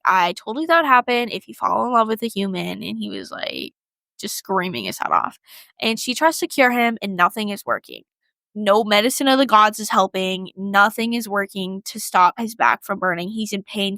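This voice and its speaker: Bright-voiced young woman, slangy. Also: mid-range voice, no room sound. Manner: slangy, chatty, heavy use of "like". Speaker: podcast co-host. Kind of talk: casual storytelling.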